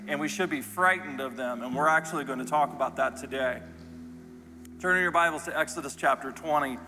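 A middle-aged American man preaching a sermon as the pastor, animated and joking with the congregation. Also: fairly high pitch, long reverb tail, a little hiss or hum, rough recording. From United States. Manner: animated, jokey storytelling with the congregation. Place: large church hall.

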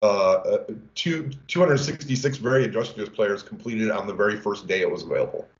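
A man from the game team sharing player stats on a livestream, halting with many fillers. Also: lowish voice. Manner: halting, many uhs and restarts. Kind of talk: casual livestream chat. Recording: echoey room, dull lo-fi audio.

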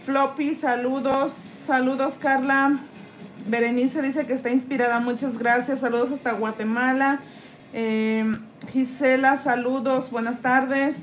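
Soft music plays behind a high, fairly even female voice moving a little slowly. She's a Mexican nail tech live-streaming from an indoor nail desk, filing acrylic from her own nails and chatting away as she reads viewers' comments aloud and says hello to each by name.

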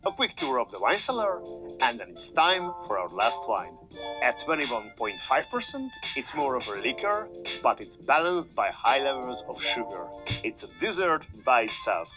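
A man reading a scripted restaurant review, measured and upbeat. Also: mid-range voice, very animated, rough recording. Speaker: food video narrator. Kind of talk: scripted narration. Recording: voice-over with music underneath. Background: background music.

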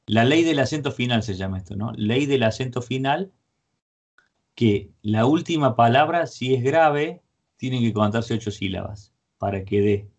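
A man's voice: mid-range voice, lively intonation, normal speed. Man teaching songwriting, singing lines. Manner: sings short melody lines between spoken explanations. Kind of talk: online music lesson, explaining and singing examples. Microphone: video call.

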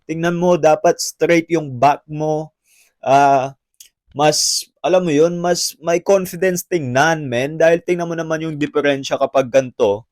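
Brash male vlogger; voice sits fairly high; emphatic, swaggering advice. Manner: brash, emphatic, preachy bro-talk with swearing. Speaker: self-help vlogger. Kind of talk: motivational advice talk, mixing Tagalog and English.

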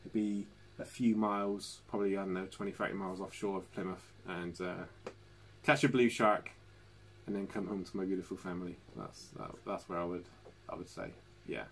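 A man's voice: deep voice, fairly even intonation, brisk, a little hiss or hum. A man hosting a casual live stream from home, chatty and laughing often as he talks to viewers. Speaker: channel host. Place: home living room.

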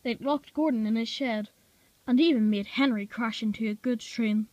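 A woman's voice: on the high side, normal speed, warm tone, no echo. A woman reading a homemade toy-train story aloud in a plain manner, with small slips now and then. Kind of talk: amateur reading of a fan story.

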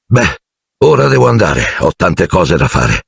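A man's voice: low voice, big pitch swings, a little slow, creaky, slightly rough, no room sound, studio quality, exaggerated voice. A man doing Fudge, a jovial fussy minister. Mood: jovial, patronizing. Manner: genial, patronizing, evasive. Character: fussy jovial middle-aged male minister.

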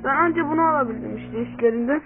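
A man's voice: very high-pitched, quick pace, gravelly, faint music behind. A man vlogging casually with his pet dogs, chatting to viewers and cooing and scolding at the animals. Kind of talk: casual vlog chat. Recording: tinny phone-like recording.

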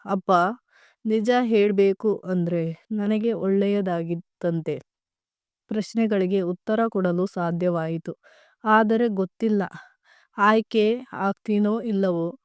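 A woman voicing a hopeful, anxious young daughter in a storybook tale, speaking softly and earnestly. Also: medium pitch, steady tone, slow, pauses often, smooth, no echo, lightly acted. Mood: unsure.

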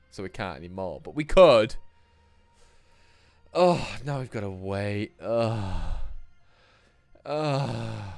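Young male streamer, playful and foul-mouthed, very lively pitch, dry sound. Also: creaky, dry recording. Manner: profane, playful, talks to himself. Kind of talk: live gameplay commentary.

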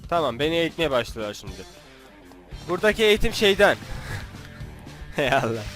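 An excitable young man chats his way through a video game, joking and teasing the characters as he plays. His pitch swings widely, and his voice sits a little high for a man. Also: moderate pace, faint music behind. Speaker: gaming YouTuber. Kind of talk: casual Let's Play commentary.

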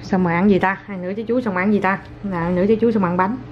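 A woman's voice: mid-range voice, steady tone, rapid-fire. A mother chatting at home with her toddler and her viewers, coaxing and playful, often laughing. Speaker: mother and vlogger. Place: home, indoors. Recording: dull lo-fi home video with faint noise.

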